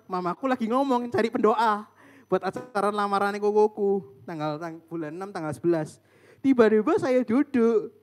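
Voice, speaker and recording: A young man telling a funny personal story in a casual sermon, joking with his listeners and acting out family members' voices. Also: sits high. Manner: animated, joking with the audience, mimics family voices. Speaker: preacher. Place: church service room.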